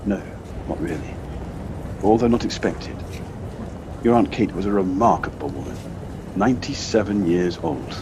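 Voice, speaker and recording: Background noise sits behind this low-pitched man as he voices a gentle, supportive husband for an audio play. He sounds sympathetic, steady and reassuring with a touch of hesitation, and it was captured on a personal device.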